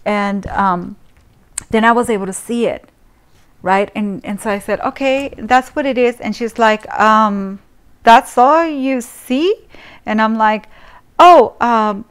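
A woman novelist chatting casually in a vlog, rambling and correcting herself, and also reading her own chapter aloud. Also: a little high. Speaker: romance novelist.

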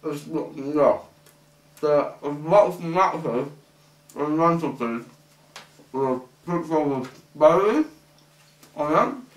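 A young man talking with his mouth full, mumbling a halting, rambling monologue muffled by food as he chews. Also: on the high side, lively intonation. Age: young adult. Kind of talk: halting, rambling monologue to camera while eating. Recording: echoey room, distant microphone.

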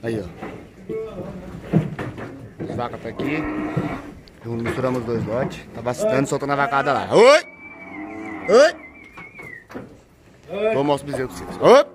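Man yelling cattle calls outdoors. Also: medium pitch, heavy background noise. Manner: breaks off to shout loud herding calls at cattle. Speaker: cattle vlogger. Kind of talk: casual farm vlog narration. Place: outdoors on a cattle farm, by the corrals.

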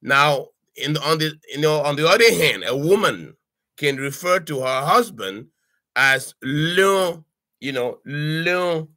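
An older Cameroonian man gives a casual online language lesson over a webcam in his home study, the sound dry and close with no room echo. His voice is bright, forceful, and a little high, with lively intonation. He talks haltingly, piling up "uh"s and restarts and asking "okay?" after each point.

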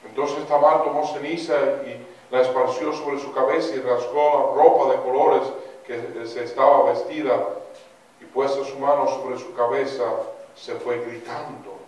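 A man preaching a sermon in a chapel, animated, asking the congregation rhetorical questions. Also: medium pitch, a little slow. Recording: echoey chapel from far off.

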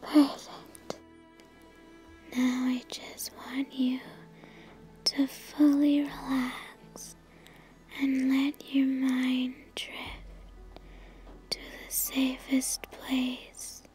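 A woman in a whispered role-play as a spa therapist, soothing and gently guiding the listener in an unhurried way. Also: high-pitched, completely flat delivery, faint music behind.

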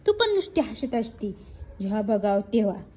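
A woman's voice: mid-range voice, sing-song, moderate pace, darkish tone, slightly rough. A mother cooing baby talk to her two little daughters, repeating each question in a sing-song way. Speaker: mother talking to her babies.

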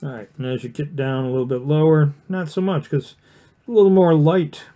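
Talking a little fast in a slightly high, mellow voice with a steady tone, a man paints watercolors on a casual livestream. His overhead-filmed studio session is plain and encouraging, a ramble peppered with fillers and restarts.

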